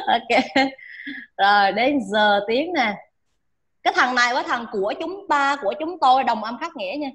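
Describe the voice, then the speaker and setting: A woman's voice: a little high, a bit bright. A woman teacher drilling English pronunciation with a class, repeating each sound for students to echo and checking in often.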